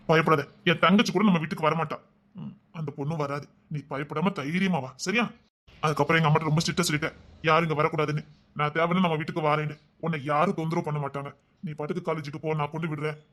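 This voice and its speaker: An actor playing a devoted husband who gently and insistently coaxes his wife, repeating himself as he pleads. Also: on the high side, natural voice. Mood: tender. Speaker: husband in a drama series. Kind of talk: emotional drama acting.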